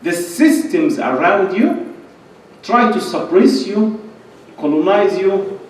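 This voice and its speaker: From the podium of a large indoor lecture hall, a middle-aged man speaks as a conference presenter, his religious and political speech impassioned and emphatic, built from short repeated phrases. His high voice is lively in intonation and slow-paced. The echoey hall, distant mic and faint hiss or hum are audible.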